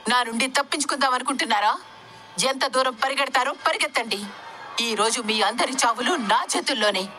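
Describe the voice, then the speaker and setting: A woman's voice: high voice, a little fast, bright, forceful tone, slight background noise. A woman voicing a vengeful female ghost who threatens her victims, in a read-aloud story. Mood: menacing. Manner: threatening, mocking. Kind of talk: audiobook story reading.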